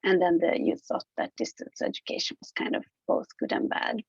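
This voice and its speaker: Hungarian-born woman prof, middle-aged, casual conference talk, lots of ums, raspy voice, muffled dry mic. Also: lowish voice, animated, brisk, dry recording. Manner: informal, thinking aloud with fillers and restarts. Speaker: professor presenting research. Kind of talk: conference presentation. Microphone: online talk over a computer mic. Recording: dull, dry lo-fi audio.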